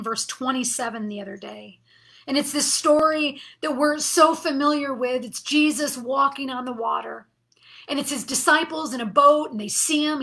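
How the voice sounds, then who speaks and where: A middle-aged woman giving an earnest Bible study talk, sometimes dropping to a soft half-whisper. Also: sits high. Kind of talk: devotional teaching talk.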